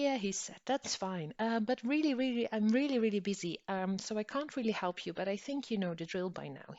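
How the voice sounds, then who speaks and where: A woman from northern Belgium giving an educational talk, explaining a concept and then telling a personal story while acting out the dialogue. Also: dry recording. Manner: storytelling, acts out dialogue with lively pitch jumps. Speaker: lecturer. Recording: dull lo-fi dry recording.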